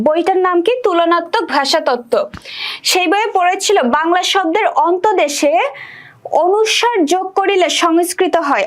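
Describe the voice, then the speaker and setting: A young woman teaching an exam-prep literature lesson. She reads lines from the text aloud, then explains them and asks her students questions. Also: extremely high pitch.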